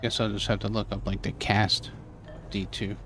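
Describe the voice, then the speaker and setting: A man commenting casually over a game he is streaming live. He rambles and thinks aloud, piling up fillers, in a somewhat low voice. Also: level tone, moderate pace, fairly bright tone, a little hiss or hum. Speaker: gaming streamer.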